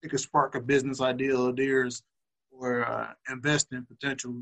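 A man asks questions in a casual, halting way, repeating himself as he gets to the point. His voice sits at an average middle pitch and sounds easygoing. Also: level tone, creaky, fairly bright tone. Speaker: guest interviewer. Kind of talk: casual interview conversation.

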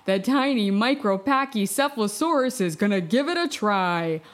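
A woman's voice: medium pitch, lively intonation, moderate pace. A woman narrating a children's story as an exclamatory, theatrical sports announcer. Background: music.

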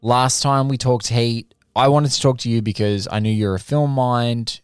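A man's voice: mid-range voice, fairly even intonation, moderate pace, smooth, dry recording, clean studio sound. A man hosting a podcast in a casual, effusive, rambling way with colloquial turns of phrase. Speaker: podcast host.

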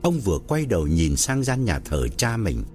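A man narrating a ghost story in a slow, measured storytelling manner. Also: fairly low pitch, sing-song, a little mellow, faint music behind.

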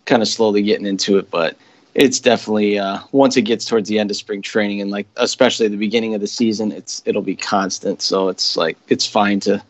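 A man co-hosting a casual podcast, talking in a laid-back, halting way with many fillers. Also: on the low side, steady tone, dry recording. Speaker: podcast co-host. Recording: dry, dull lo-fi audio.

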